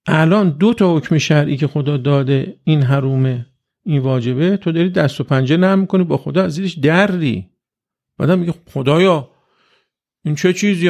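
A man with a gravelly, slightly raised voice delivers a religious lecture. He argues through pointed rhetorical questions and acts out the voices of the people he quotes. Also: on the high side, darkish tone.

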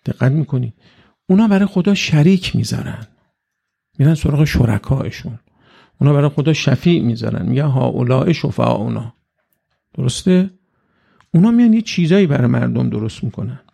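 A man's voice: mid-range voice, animated, creaky, long pauses, warm tone, breathy edge. A man giving a conversational religious lecture, full of rhetorical questions put to his listeners. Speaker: cleric.

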